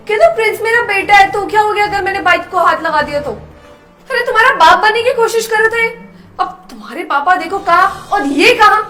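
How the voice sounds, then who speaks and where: A woman voices a spoiled, arrogant young woman who talks down to servants. Her voice sits very high and her tone stays scolding and contemptuous. Faint background music plays under the scene. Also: pushed and bright, heavily acted. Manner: scornful, scolding, bossy. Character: snobbish rich young woman, rude to the poor. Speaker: actor in a short drama skit. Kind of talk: melodramatic short-video acting.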